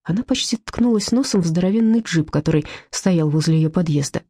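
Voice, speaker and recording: A woman narrating an audiobook in lively storytelling fashion. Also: on the low side, brisk, dry recording, clean studio sound. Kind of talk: scripted narration.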